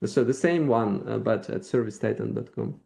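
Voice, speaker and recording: A man with a Russian accent giving a live software demo at a meetup, thinking aloud with halting restarts. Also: fairly low pitch, creaky. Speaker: featured speaker at a developer meetup.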